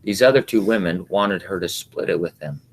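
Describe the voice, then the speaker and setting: A middle-aged man, co-hosting a casual chat with his wife, talking in a rambling, halting way with many fillers. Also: low voice, a little hiss or hum. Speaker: podcast co-host, husband. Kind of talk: casual chat about scripture and work.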